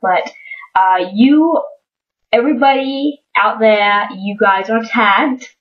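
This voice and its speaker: A woman's voice: on the high side, slow, lo-fi sound. A young woman from Georgia, with a slight Southern accent, chatting casually to camera in an enthusiastic way, often repeating words. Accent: Georgia, US South, with slight northern tinge. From Georgia, USA. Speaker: vlogger doing an accent tag.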